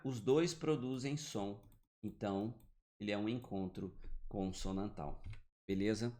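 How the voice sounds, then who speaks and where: A man's voice: medium pitch, vocal fry. A man giving an online grammar lesson, explaining step by step and often checking in with the listener. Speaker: teacher. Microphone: computer mic, drawing with the mouse.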